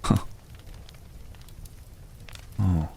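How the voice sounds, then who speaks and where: In a hushed, intimate ASMR roleplay, a man plays a mysterious, courtly, world-weary figure, using florid, old-fashioned, pensive phrasing. His voice is gravelly and very slow, carrying a mood of gentle wonder over slight background noise.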